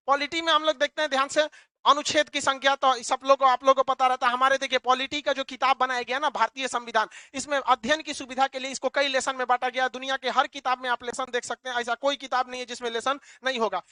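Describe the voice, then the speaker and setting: A male teacher lecturing a classroom, animated, asking the class questions and answering them himself. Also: very high voice, quick pace, clean tone, dry recording.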